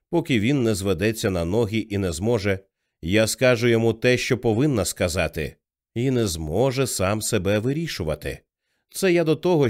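A man's voice: a little mellow, natural voice. A man reading a stern, weary father. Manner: stern, low and measured. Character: stern middle-aged father, weary and firm. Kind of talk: audiobook character reading.

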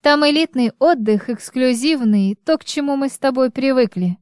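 In an audiobook, a woman puts on a nervous young wife who talks fast and a notch higher, forcing cheer into every lie. The voice is smooth and dry, recorded close with no room around it. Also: no echo, close to an everyday voice. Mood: flustered. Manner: nervous, quick, overly bright. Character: flustered wife lying to her husband. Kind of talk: audiobook reading.

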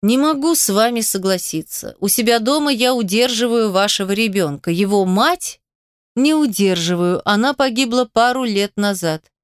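A woman voicing a calm, mocking male monster, speaking in an unhurried way in an audiobook. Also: medium pitch, clear, resonant tone, dry recording, clean studio sound, natural voice. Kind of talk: audiobook reading.

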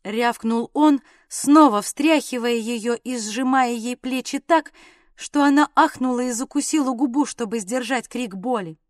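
A woman narrates a classic novel as an audiobook. Her storytelling is steady and expressive. Her voice is high and dry, recorded close to the mic. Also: a little slow, no echo. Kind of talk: scripted narration.

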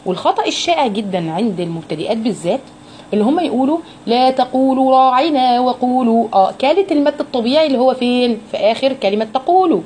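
An Egyptian woman teaches a recitation lesson in a fairly high, soft, mellow voice. She asks her students questions and models each sound, with faint noise behind her. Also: lively intonation, racing. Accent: Egyptian Arabic. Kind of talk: tajweed lesson for women.

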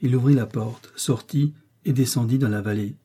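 A man reads a classic novel aloud in a measured, even way. His voice is very dark and mellow, with a husky edge. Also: medium pitch. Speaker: audiobook reader. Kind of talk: scripted narration.

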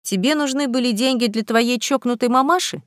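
A woman's voice: fairly high pitch, brisk, no echo, clean studio sound, pitched above the performer's own voice, close to an everyday voice. A woman reading an audiobook, voicing a scheming young rich woman who taunts her rival in a mocking, snide sing-song. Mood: sneering.

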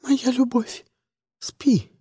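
A man's voice: high voice, very slow, husky, no room sound, clean studio sound, pitched above the performer's own voice, heavily acted. A man voicing a sobbing young woman. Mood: tearful tender. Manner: sobbing, soft. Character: young woman navigator, tearful and tender.

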